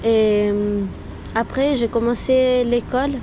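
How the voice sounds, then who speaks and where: Young girl from Romania, slow and halting, higher voice, city noise around. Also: steady tone, dark tone. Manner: slow, hesitant. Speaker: interviewer. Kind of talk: telling her story. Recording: street noise.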